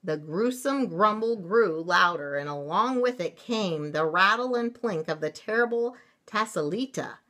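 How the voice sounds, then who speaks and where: Slow, expressive woman reading a picture book. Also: mid-range voice. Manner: expressive and unhurried, drawn-out words. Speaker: storyteller. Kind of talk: children's picture-book read-aloud.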